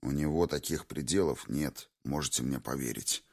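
A man voicing a rough male fighter in an audiobook, blunt and given to swearing. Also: fairly low pitch, expressive, moderate pace, no echo, clean studio sound, lightly acted. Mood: grim.

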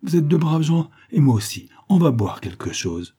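A man voicing an exuberant young American man, loud and excitable. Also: on the high side, normal speed, breathy edge, pitched above the performer's own voice.

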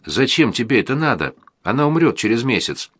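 A man's voice: mid-range voice, sing-song, fairly quick, a bit bright, breathy edge, pitched above the performer's own voice. A man reading aloud, voicing an agitated young male medical student scolding his friend. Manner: angry, scolding.

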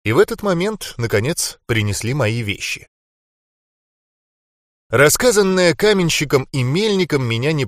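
Wry, lively male audiobook narrator. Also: a little high, no room sound, studio quality. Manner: wry, expressive. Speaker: audiobook reader. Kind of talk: first-person audiobook narration.

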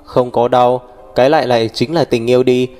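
A man's voice: medium pitch, fairly even intonation, fairly quick, faint music behind, lightly acted. A man voicing a doting, boisterous old great-grandfather who fusses cheerfully over the children. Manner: warm, fussing and cheerful.

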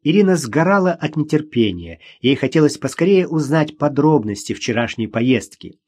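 A man reading a novel aloud as audiobook narrator, in an even, measured storytelling manner. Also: on the high side. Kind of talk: scripted narration.

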